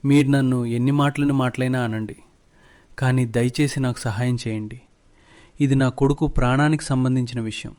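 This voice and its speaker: A man's voice: medium pitch, steady tone, normal speed, a little mellow, lightly acted. A man voicing a poor, humble farmer who pleads for help for his son. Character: poor humble young farmer, a worried father.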